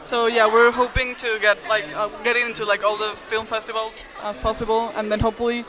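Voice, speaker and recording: Woman in her twenties, high flat voice, eager, crowd chatter behind. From Mexico City. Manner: eager, quick, laughs often. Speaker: animation student. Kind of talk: casual interview chat. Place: busy expo hall. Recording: busy expo crowd behind.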